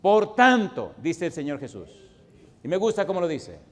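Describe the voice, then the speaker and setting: A man of sixty, a pastor preaching a sermon and telling a personal story, swinging from loud exclamations to low, confiding tones. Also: big pitch swings, a little fast. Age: 60s.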